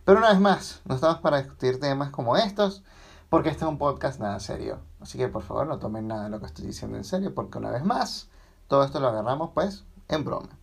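A man's voice: medium pitch, lively intonation, fast, vocal fry, slight background noise. A man with a Venezuelan accent hosting a casual solo podcast, rambling and sarcastic as he talks. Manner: rambling and sarcastic, often restarting phrases. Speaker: podcast host.

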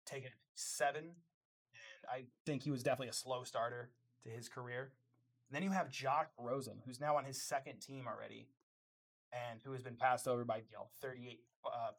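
A man's voice: mid-range voice, fairly bright tone. A man co-hosting a casual sports podcast, giving firm opinions as he runs through player lists. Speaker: podcast co-host.

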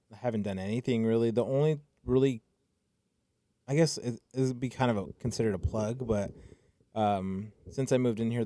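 Mellow, loose-talking young man. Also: on the low side, no echo. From Phoenix, Arizona. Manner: laid-back and rambling, many fillers and laughs. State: a bit tipsy and loopy. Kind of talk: casual chat.

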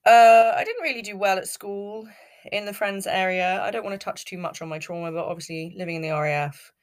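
A British podcast host in her thirties tells her own story in a casual, unscripted way, rambling, chatty and interrupting herself. Her voice is mid-range and brisk.

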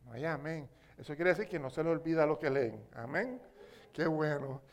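A man's voice: on the high side, lively intonation, moderate pace. A man with a Puerto Rican accent preaching a sermon, telling a story with call-and-response asides to the congregation. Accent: Puerto Rican Spanish.

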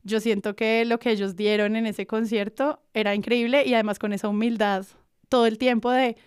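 A woman, co-hosting a podcast and gushing excitedly in casual chat. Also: a little high, brisk, clear, resonant tone, no room sound, clean studio sound. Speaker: podcast co-host.

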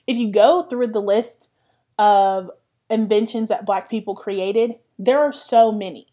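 A woman's voice: mid-range voice, a little slow, dark tone. A young woman hosting her own podcast, talking through casual solo commentary with emphatic, sassy asides. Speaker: podcast host.

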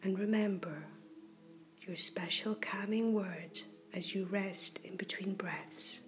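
A woman guides a breathing meditation in a soft whisper. She talks very slowly and gently, at a middling pitch. Faint music plays behind her. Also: fairly even intonation. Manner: slow, gentle and soothing.

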